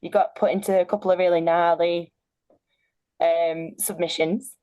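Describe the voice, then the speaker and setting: A woman's voice: lowish voice, fairly even intonation, moderate pace, clean tone, highs cut off. A woman co-hosting a podcast in casual, chatty talk.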